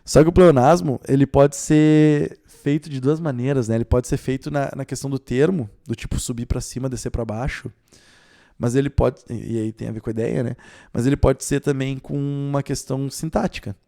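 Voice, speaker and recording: Gravelly-voiced man teaching. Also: medium pitch, brisk. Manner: lively and explanatory, with rhetorical questions and stressed key words. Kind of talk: exam-prep video lesson.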